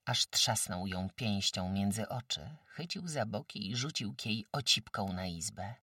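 A man narrating a classic novel as an audiobook, with dramatic, expressive storytelling. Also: fairly low pitch, measured pace, husky, dry recording, studio quality, distant mic.

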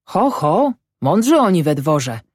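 Brief: woman reader doing a suspicious old village farmer, mutters in dialect, low dry voice. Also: very animated, slow pace, no room sound, exaggerated voice. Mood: grumbling storytelling. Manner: rustic dialect, muttering and grumbling. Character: shrewd wary old peasant farmer man. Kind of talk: audiobook character voice.

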